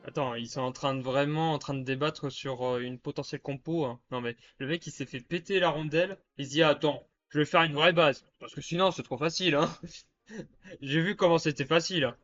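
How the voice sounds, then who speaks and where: A man's voice: fairly high pitch, a little fast, fairly bright tone, faint music behind. A man giving casual, self-mocking commentary over his gameplay and chatting with his viewers. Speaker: gaming YouTuber. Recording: dull lo-fi sound with faint background noise.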